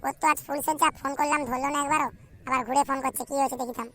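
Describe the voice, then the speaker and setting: In this cartoon voice-acting clip, a woman with a high, bright, steady voice plays a whiny, crude young bachelor. She chatters and complains at a fast clip, swearing constantly.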